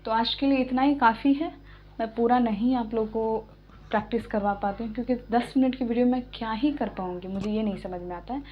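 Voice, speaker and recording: Woman teacher doing an english lesson, kinda high voice, patient, keeps checking you got it, dull lo-fi sound. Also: a little fast. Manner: patient, repeats and checks understanding.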